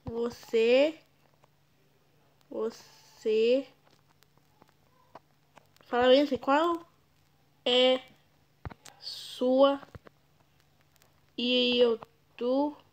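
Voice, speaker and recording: Playing a game on stream, a young female gaming YouTuber chats casually, teases others, and exclaims often in her gameplay commentary. She has a high-pitched, steady voice, drawing out her words and leaving long pauses.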